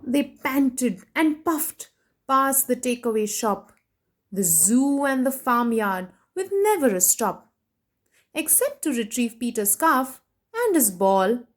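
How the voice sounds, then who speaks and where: Reading a children's storybook with expression, this woman speaks a little high and takes her time. Her manner is lively, and she pauses to pose questions straight to the kids listening.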